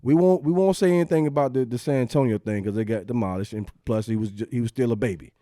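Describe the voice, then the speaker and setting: A man's voice: mid-range voice, fast talker, mellow, dry recording, studio quality. A man co-hosting a sports podcast, chatting casually and repeating himself as he works toward his point. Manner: rambling, repeats words, laid-back. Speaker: podcast co-host.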